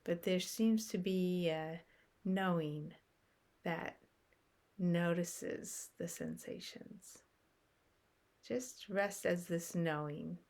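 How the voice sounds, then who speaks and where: In a low, gravelly voice, a woman leads a guided meditation. She speaks very slowly and softly, leaving long pauses between short phrases.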